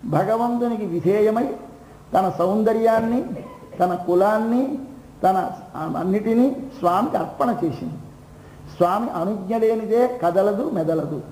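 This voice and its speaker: Male devotional lecturer, high and mellow, patient word-by-word explainer who asks questions; echoey room. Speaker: religious discourse speaker. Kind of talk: devotional discourse explaining a hymn. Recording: roomy echo, faint background noise.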